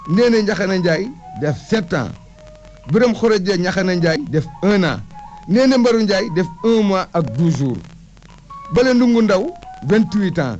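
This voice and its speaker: The recording is muffled and lo-fi with background music, carrying a man's high, darkish voice with lively intonation and a slightly slow pace. As an oral historian in conversation, he recites history and names emphatically.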